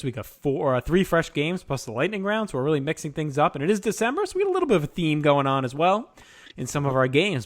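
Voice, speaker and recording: A man hosting a game show podcast, mixing upbeat introductions with playful, teasing casual chat. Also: a little high. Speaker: podcast host.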